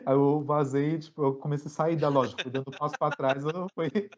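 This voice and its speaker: A young Brazilian man, a podcast guest, telling a story in a relaxed, slangy way with many fillers. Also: a little high, fairly quick, highs cut off. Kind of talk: casual storytelling interview.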